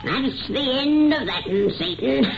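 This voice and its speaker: A woman's voice: sits high, animated, takes it slowly, creaky, full character voice. An actress playing a gleeful, cackling old witch who hosts an old-time radio horror show. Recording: echoing, dull, noisy old radio recording.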